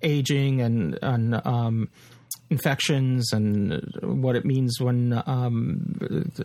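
Halting man talking in a dry room. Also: mid-range voice, fairly even intonation, gravelly, mellow, no room sound. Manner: halting, thinks aloud with fillers. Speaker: podcast co-host. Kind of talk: casual podcast discussion.

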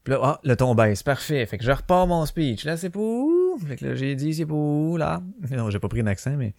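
Creaky and darkish in tone, this man's mid-range voice is animated and moves at a moderate pace. He hosts a casual solo podcast in a Québécois French accent, ranting profanely through his stories and performing the quoted lines. It's studio-quality audio with no room sound.

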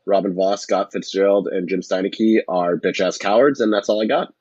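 A man's voice: sits low, steady tone, normal speed, darkish tone, slightly rough, no room sound. A man co-hosting a sports podcast in casual chat, on slightly dull audio. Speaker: podcast co-host.

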